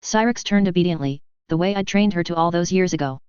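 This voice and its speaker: Brief: woman narrator, steady audiobook read, lowish voice, dry close-mic sound. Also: fast, clear, resonant tone, no echo. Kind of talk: first-person audiobook narration of fan fiction. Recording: dull lo-fi recording.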